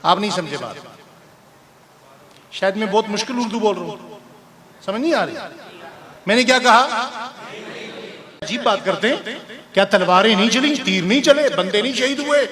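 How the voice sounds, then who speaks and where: Brief: male mufti, storytelling sermon style, rhetorical asides, high voice, live congregation. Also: animated, moderate pace, pauses often, crowd noise. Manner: storytelling, rhetorical questions to the audience. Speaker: mufti preacher. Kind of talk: conversational sermon. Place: mosque.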